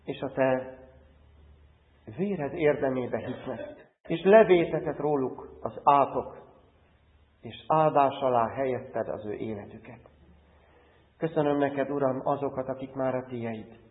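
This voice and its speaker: A man's voice: medium pitch, pauses often. A man pastor preaching and leading a prayer in a church, in an earnest, rhythmic preaching cadence. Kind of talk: sermon and spoken prayer. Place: church hall. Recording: tinny phone-like sound with long church reverb.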